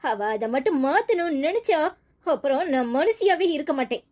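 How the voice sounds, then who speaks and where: A woman's voice: sits high, very animated, moderate pace, darkish tone. An actress playing an anxious, strong-willed grandmother in a family drama, with an insistent, scolding manner. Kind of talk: TV serial acting.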